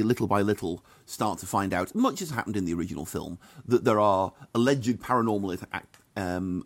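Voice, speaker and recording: Low-voiced guy doing a movie review, lively and opinionated. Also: no echo. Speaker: film reviewer. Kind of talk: casual film review chat.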